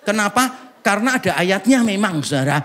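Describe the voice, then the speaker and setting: A man's voice: high-pitched, expressive, brisk, fairly bright tone. A male pastor giving a church sermon in a humorous, conversational way, teasing his congregation with rhetorical questions. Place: church service.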